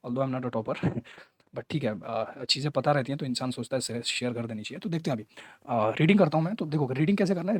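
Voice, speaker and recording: A man walking through an exam passage in a casual tutorial, chatty and mixing English terms into his talk while reading quoted lines slowly. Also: fairly high pitch, no room sound. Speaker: exam prep teacher.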